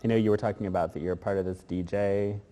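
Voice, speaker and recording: An interviewed artist who grew up in Germany, Korea and the United States answers casual questions in a low, dark, mellow voice. He talks fast in a steady tone, rambling thoughtfully with fillers and frequent restarts, while a long gallery reverb lingers behind him.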